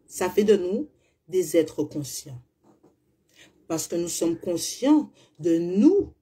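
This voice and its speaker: Speaking to her followers, this woman, a spiritual coach from Guadeloupe or Martinique in the French Caribbean, fires off rhetorical questions in a forceful, no-nonsense monologue. Her pitch is a little high, her tone darkish, with a breathy edge.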